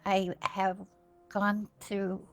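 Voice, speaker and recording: A woman playing a friendly, down-to-earth gatherer who chats in a folksy, halting way in a role-play game. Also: medium pitch, monotone, soft background music. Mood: friendly, rambling. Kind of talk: improvised in-character role-play chat.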